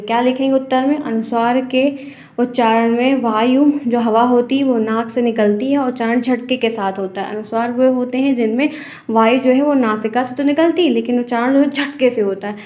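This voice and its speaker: Woman, teacher, fairly high voice, exam-prep lesson, repeats questions, explains step by step. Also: darkish tone.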